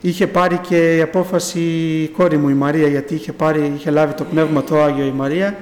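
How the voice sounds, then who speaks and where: A man's voice: fairly high pitch, steady tone. A middle-aged man giving a rambling personal faith testimony at church, repeating "I say" again and again as he retells. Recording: echoey hall with long reverb.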